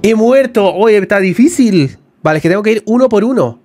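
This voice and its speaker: A man giving casual let's-play commentary on a horror game, jumpy and talking to his viewers, yelling when he is attacked. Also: high-pitched, animated, a little fast, faint music behind. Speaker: gaming YouTuber.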